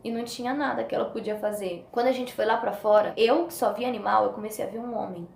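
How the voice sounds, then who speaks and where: Brazilian woman vlogger, high and fast, animated testimony storytelling, roomy echo. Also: vocal fry. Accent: Brazilian Portuguese. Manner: animated, acts out voices and screams from the story. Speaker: vlogger telling a personal testimony. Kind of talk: personal storytelling. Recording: echoey room with faint noise.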